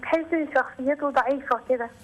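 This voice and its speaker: Egyptian woman, twenties, radio caller, high voice, quick speech. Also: a bit bright, highs cut off. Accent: Egyptian Arabic. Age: 20s. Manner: grateful, earnest, hesitant. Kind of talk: phone-in call.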